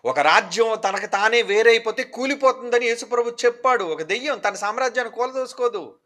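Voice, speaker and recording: A man's voice: extremely high pitch, animated, brisk, sharp tone. A man preaching an impassioned sermon, firing rhetorical questions and scolding and pleading in turns.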